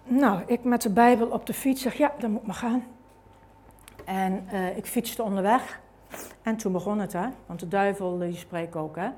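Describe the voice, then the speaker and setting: A woman's voice: medium pitch, moderate pace, darkish tone. A woman telling her personal faith testimony in a conversational way, full of fillers and tag questions. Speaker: speaker giving a testimony. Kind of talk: personal testimony told as a story.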